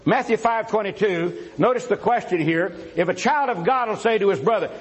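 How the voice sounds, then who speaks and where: A man in a formal religious debate, firing rhetorical questions and taunting his opponent, swinging between a raised voice and low asides. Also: fairly quick, poor audio.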